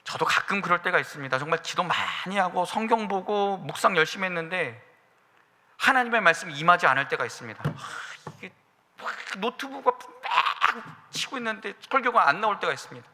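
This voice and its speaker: A man preaching a Sunday sermon as pastor, earnest, sometimes speaking God's words to his listeners in a gentle, direct way. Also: on the high side, animated, brisk. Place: church sanctuary. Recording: reverberant church sanctuary.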